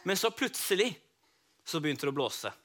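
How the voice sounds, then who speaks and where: High, bright-voiced man telling a lively story. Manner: lively, dramatic, speaks straight to young listeners. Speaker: children's storyteller. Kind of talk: first-person Bible story told in character as Peter.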